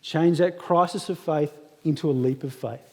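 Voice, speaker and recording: A man in his thirties, speaking as a guest speaker at a graduation ceremony, delivers a funny motivational speech built on self-deprecating stories. His voice is fairly high and his pace normal, with the echoey reverb of a large hall around him.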